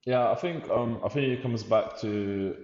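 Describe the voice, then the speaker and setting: A Lithuanian life coach and youth worker, appearing as a podcast guest, talks in a relaxed, reflective way and repeats words while hunting for the right ones. His mid-range, darkish voice is measured in pace, and the recording echoes as if made in a large hall, with the highs cut off.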